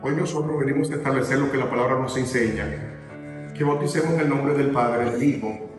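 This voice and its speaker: At a baptism service in a large hall, a male pastor from the Dominican Republic preaches in a chatty style, regularly asking "¿entiendes?". His medium-pitched voice moves fairly quickly. He's recorded from afar in an echoey space with music playing in the background.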